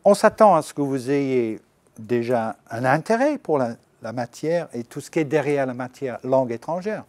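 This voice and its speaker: A man's voice: mid-range voice, animated, moderate pace, no echo. Chatty man presenting, dry sound. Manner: chatty, joking asides, slips into English. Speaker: language centre director presenting exam. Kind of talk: informal presentation to exam candidates.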